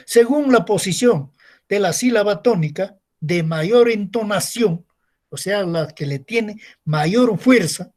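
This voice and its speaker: Slow, patient male teacher. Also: sits high, a little mellow. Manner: explains step by step, asks rhetorical questions. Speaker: secondary school teacher. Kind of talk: recorded class explanation.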